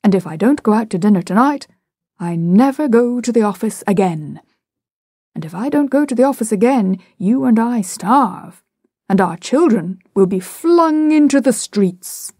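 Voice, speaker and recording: A woman's voice: on the high side, a little slow, hardly any pauses, warm tone, no echo, clean studio sound, natural voice. A woman doing a blustering pompous father. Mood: exasperated. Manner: sarcastic, exasperated ranting. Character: blustering pompous Edwardian father, grown man.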